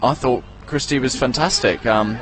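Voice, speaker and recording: A man's voice: medium pitch, moderate pace, fairly bright tone. Guy calling a football match live outdoors, chatty, keeps tripping over names. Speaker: football commentator.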